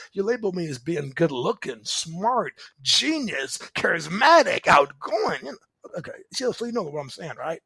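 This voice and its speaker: A middle-aged man hosting a podcast, telling his life story in a lively, conversational way, chuckling often. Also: a little high, gravelly, breathy edge, no room sound. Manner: animated, conversational, chuckles often, asks "right?". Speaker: podcast host. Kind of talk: personal storytelling monologue.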